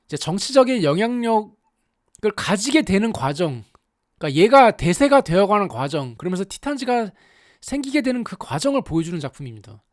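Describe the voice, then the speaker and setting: Lively, animated casual commentator. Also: mid-range voice, no echo, studio quality. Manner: animated, exaggerated storytelling with rhetorical questions. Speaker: YouTube anime commentator.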